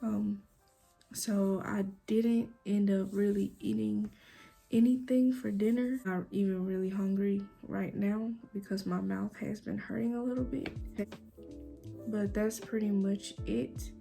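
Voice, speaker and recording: A young woman talks casually to her vlog audience in an informal, chatty way. Her voice has a noticeable creak and sits at a medium pitch, with music playing behind her. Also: steady tone, unhurried, mellow. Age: young adult. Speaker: vlogger. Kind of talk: casual vlog chat to camera.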